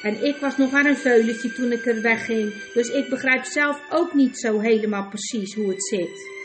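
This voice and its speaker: A woman's voice: a little high, moderate pace, over music, lightly acted. A woman voicing a vain, pompous male talking warhorse in a storybook reading, haughty and easily flustered. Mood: lofty.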